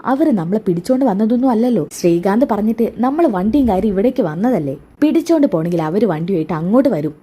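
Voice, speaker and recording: A woman's voice: medium pitch, expressive, fast, hardly any pauses, warm tone, husky. A woman voicing a patient middle-aged father who soothes and reasons with his upset wife. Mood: calming.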